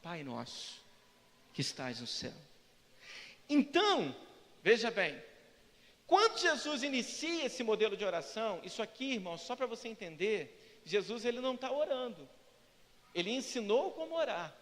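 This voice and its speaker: A Brazilian-accented male pastor preaches in a strikingly high voice, acting out prayers and little dialogues as he goes. He keeps turning to the congregation for answers. His voice rings out with the long reverb of a church hall. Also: moderate pace. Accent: Brazilian Portuguese. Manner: lively preacher who acts out prayers and dialogues; asks the congregation for responses. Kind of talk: sermon. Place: church sanctuary.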